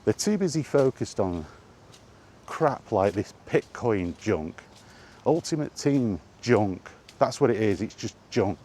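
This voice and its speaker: A British man with a lowish, mellow voice rants off the cuff, exasperated and sweary, like a gaming vlogger chatting on a walk. He speaks slowly with big pitch swings and keeps firing repetitive rhetorical questions. It's recorded outdoors, with background noise clearly audible.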